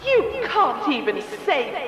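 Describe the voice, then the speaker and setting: A woman plays a furious, scornful villainess in a horror audio drama. Her high voice swoops dramatically, imperious and theatrical. It rings in long reverb over music. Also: huge pitch swings, slow pace, heavily acted. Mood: furious, desperate.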